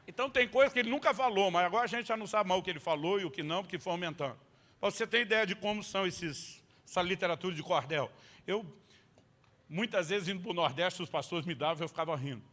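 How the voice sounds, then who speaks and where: A man pastor telling funny family stories in a sermon, animated and bursting into shouts at the punchlines. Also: high-pitched, fast talker. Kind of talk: humorous sermon storytelling.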